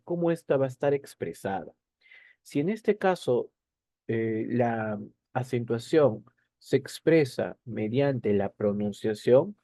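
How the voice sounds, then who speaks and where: A man's voice: medium pitch, warm tone, no echo. A male teacher explaining a lesson over slides, repeating key points and checking in with short tag questions.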